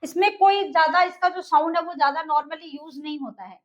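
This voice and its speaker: A woman's voice: very high voice, a little fast, dull audio. A woman teaching English, explaining step by step and asking the class questions she then answers herself.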